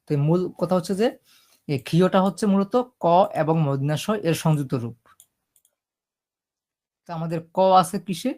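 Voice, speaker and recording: A man with a fairly high voice runs a step-by-step typing lesson over a screen recording. He explains patiently, often pausing to check that his listeners are keeping up. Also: darkish tone. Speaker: computer typing instructor.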